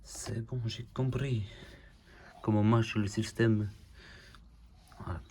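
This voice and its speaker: A man speaks low and easy into a phone while working on his car. He jokes, swears at every turn, and talks without pause. Faint noise and tool clicks sit under the voice. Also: fairly even intonation, dark tone. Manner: joking, swears a lot, talks nonstop. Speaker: DIY car repair vlogger. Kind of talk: casual chatty self-filmed video. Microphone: phone camera.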